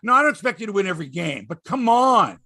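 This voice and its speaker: A male sports radio-style host with a high, bright voice that swings widely in pitch and carries a gravelly edge. He rants emphatically and with exasperation, repeating phrases and firing off rhetorical questions. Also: big pitch swings, fast talker. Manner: salty, profane. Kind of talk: opinionated sports talk rant.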